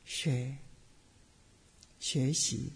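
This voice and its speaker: A middle-aged woman pastor giving a personal testimony sermon, telling her story in an animated way with playful asides. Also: rumbling low, very slow, gravelly, slightly rough. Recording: long hall reverb.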